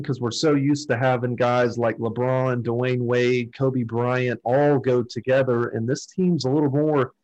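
A man's voice: mid-range voice, darkish tone, low-quality recording. A man hosting a casual sports chat, who runs through team lists and puts questions to his co-hosts. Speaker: podcast host.

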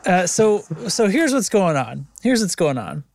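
A man's voice: high-pitched, sing-song, unhurried, vocal fry, darkish tone, dry recording. A man in his thirties co-hosting a podcast, chatting casually and rambling through jokey stories. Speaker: podcast co-host. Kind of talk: casual chat.

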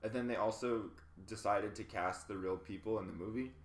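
A man with a lowish voice tears into bad films in blunt, swear-laden chat, laughing often. The room has a noticeable echo around him. It sounds like friends talking on a podcast. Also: fairly even intonation, fairly quick. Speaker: podcast co-host. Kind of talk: casual film chat.

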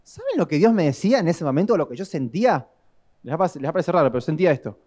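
A young man with a Rioplatense Spanish accent preaching a sermon, telling stories dramatically and swinging between loud and hushed delivery. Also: fairly high pitch, sing-song, very fast. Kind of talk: sermon with storytelling.

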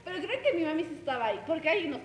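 A young woman in her twenties chatting casually, telling a school story in an animated way. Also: sits high, rapid-fire, echoey room, long reverb tail, slight background noise, poor audio. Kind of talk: casual chat.

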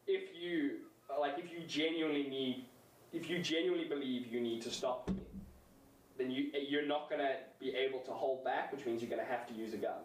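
A man chatting casually about comics and films, animated and laughing often as he acts out lines. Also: medium pitch. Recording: roomy, distant mic, faint noise.

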